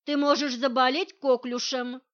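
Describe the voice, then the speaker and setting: A woman's voice: sits high, little pitch movement, moderate pace, close to an everyday voice. A woman reading the part of an anxious, overprotective young husband who insists stubbornly, in a dull lo-fi recording.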